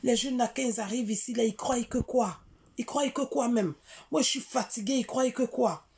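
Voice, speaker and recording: This is a fed-up, jealous wife voiced by a woman retelling the story. She is exasperated and bossy. Her voice sits a bit higher than the teller's and keeps a rough, gravelly edge as she complains. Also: normal speed, darkish tone.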